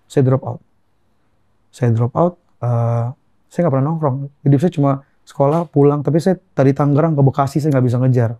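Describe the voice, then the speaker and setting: A young Indonesian man telling an emotional personal testimony as a guest, earnest and halting, repeating phrases as he goes. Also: medium pitch, dark tone, no room sound.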